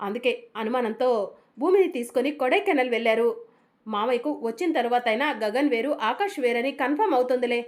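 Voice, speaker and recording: A confident young man who is steering a family plot, read out by a woman in her own high voice. He talks in an assured, coaxing way. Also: expressive, fast talker, lightly acted. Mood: scheming.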